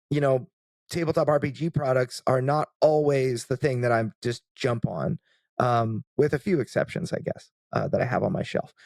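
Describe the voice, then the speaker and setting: A man's voice: mid-range voice, a little mellow, dry recording, studio quality. A man co-hosting a podcast, chatting casually and thinking aloud with plenty of fillers. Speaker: podcast co-host.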